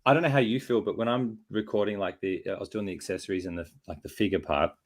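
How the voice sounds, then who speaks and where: A man's voice: fairly low pitch, quick pace. A man hosting a casual chat, rambling with many restarts while getting over a chest infection. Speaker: host.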